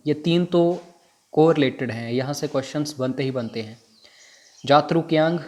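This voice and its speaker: A man's voice: fairly high pitch, a little mellow. A man teaching an exam prep lesson, repeating which facts to memorize. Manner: repetitive, drilling what to memorize.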